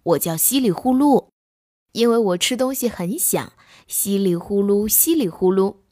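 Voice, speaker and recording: A woman's voice: medium pitch, expressive, a little slow, warm tone, no room sound, clean studio sound. A woman voicing a naive, cheerful little boy piglet in a children's bedtime story, speaking in an innocent, eager, childlike way.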